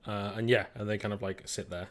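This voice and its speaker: A man's voice: fairly low pitch, steady tone, fairly quick. A man runs a tabletop game in a loose, casual way. He hesitates often and fills his narration with ums and likes. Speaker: game master.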